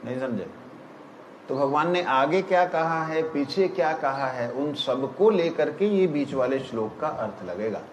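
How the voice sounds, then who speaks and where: A man giving a spiritual discourse on scripture, explaining verses slowly and often checking whether his listeners have understood. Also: on the high side, expressive, reverberant, highs cut off, slight background noise. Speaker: spiritual teacher.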